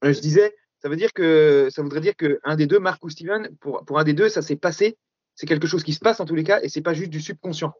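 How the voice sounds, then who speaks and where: A guest talks fast in casual podcast chat, searching for words as they go. The sound is dry and lo-fi, like an online call. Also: mid-range voice, darkish tone, no room sound.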